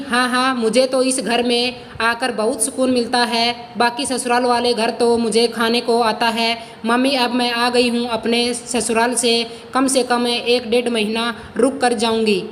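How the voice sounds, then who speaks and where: A woman's voice: a little high, little pitch movement, unhurried, in a large hall, slight background noise, close to an everyday voice. A woman voicing a bitter, quarrelsome married daughter in a storybook reading, with a complaining, indignant manner.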